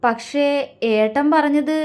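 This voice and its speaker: A woman's voice: sits high, darkish tone. A woman voicing a timid young woman in love, who stammers and halts. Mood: nervous. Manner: stammering, halting.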